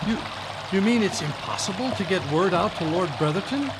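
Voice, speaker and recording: A performer playing Dr. Watson, a flustered, blustering gentleman sidekick, stammering and exclaiming in old-time radio drama style. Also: mid-range voice, expressive, moderate pace, close to an everyday voice. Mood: bewildered. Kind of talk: old-time radio drama acting, live stage reading. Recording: live conference recording, background water noise.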